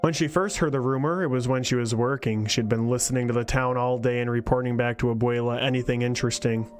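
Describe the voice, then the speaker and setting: A man's voice: mid-range voice, fairly even intonation, fast talker. Tipsy guy reading fan fiction, mock-dramatic and crude, faint music under him.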